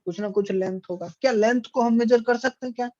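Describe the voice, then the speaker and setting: A man's voice: extremely high pitch, fast talker, darkish tone. A man teaching an online physics class, asking the students questions and answering them himself. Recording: dry, dull lo-fi audio.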